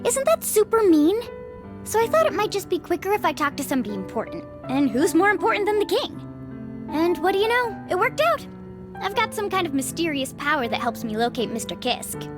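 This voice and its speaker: A woman's voice: very high-pitched, sing-song, a little fast. An actress playing an earnest, flustered young android bride in a video game, girlish and stammering. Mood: chatty, earnest. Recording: music behind the voice.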